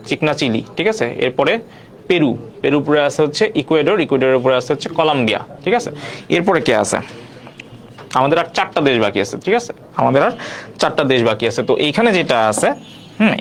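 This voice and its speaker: A man teaching an online quiz class, repeating each question and prompting viewers to answer. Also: medium pitch.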